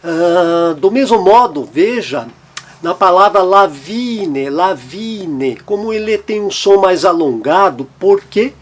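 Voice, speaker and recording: A man teaching a pronunciation lesson, explaining patiently and repeating example words slowly. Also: high-pitched, animated. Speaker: German language teacher.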